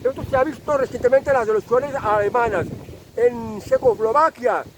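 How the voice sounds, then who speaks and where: High-voiced man giving a political monologue. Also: background noise. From Spain. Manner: insistent, repetitive, pauses with fillers. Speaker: channel host.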